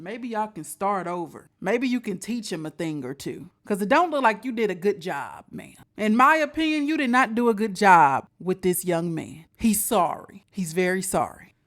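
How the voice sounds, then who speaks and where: An American woman giving informal, opinionated reaction commentary in a sassy, emphatic, colloquial way. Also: medium pitch.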